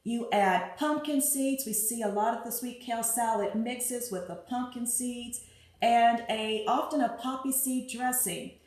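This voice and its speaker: Woman host, home cooking demo, chatty and upbeat, slightly high voice, very echoey kitchen. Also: a little slow, darkish tone. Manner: chatty, upbeat, thinks aloud while working. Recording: very echoey room with music behind.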